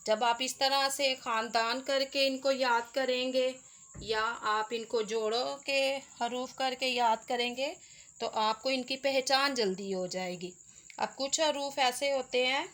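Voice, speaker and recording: Female language teacher, slightly high voice, slow and patient, sounds out letters clearly. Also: a bit bright. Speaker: Urdu teacher. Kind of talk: slow step-by-step lesson.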